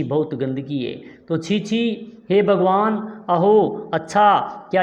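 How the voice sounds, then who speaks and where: A man teaching a grammar lesson, reading example sentences aloud and stressing the key words. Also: sits high. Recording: echoey room, dull lo-fi sound.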